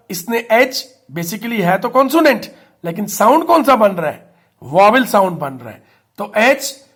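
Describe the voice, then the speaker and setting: A male teacher gives a classroom lesson on English articles, explaining patiently and spelling words out letter by letter. He has a high-pitched voice with a fairly bright tone.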